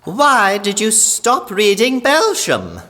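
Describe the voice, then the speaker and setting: Woman acting haughty old Aunt March, wildly swooping pitch. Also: wildly swooping pitch, bright, forceful tone, long reverb tail, exaggerated voice. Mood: indignant. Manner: imperious, prim, drawn-out delivery. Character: stern, haughty, scolding old wealthy great-aunt. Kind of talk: audio play acting of a period story.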